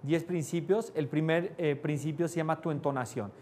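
A man's voice: moderate pace, slight background noise. A man teaching a live class to a small audience, often asking "¿no?" and raising or dropping his voice to stress points. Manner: varies pitch and loudness for emphasis, asks "¿no?" often. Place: class room with air conditioning.

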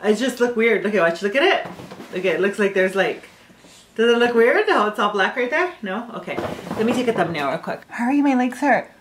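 Young woman vlogger, playful and bossy, higher voice, roomy echo. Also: animated, a little fast. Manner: playful teasing, bossy with her sister. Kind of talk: casual vlog chat. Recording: echoey room with light noise.

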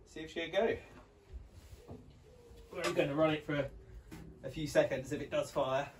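A man's voice: mid-range voice, a little hiss or hum. A man giving casual commentary outdoors while trying to start an old tractor, hopeful and talking half to himself, filmed on a handheld phone. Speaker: vlogger restoring an old tractor. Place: outdoors beside an overgrown tractor.

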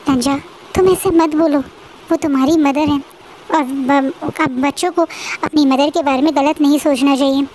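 A woman voicing a gentle, anxious young man who soothes and pleads in a storybook retelling. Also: high voice, steady tone, normal speed, slight background noise, natural voice, rough recording. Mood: gently scolding.

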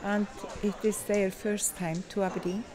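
An Icelandic woman, a choir conductor and native Icelandic speaker, talking slowly and searching for words in a casual interview in a dim rehearsal hall. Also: mid-range voice, level tone. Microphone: handheld interviewer's mic.

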